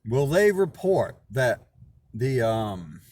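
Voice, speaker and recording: A channel host with a sing-song, slightly mellow mid-range voice talks slowly through a loose, rambling monologue. He swears often, restarts and repeats words, and sounds indignant and suspicious.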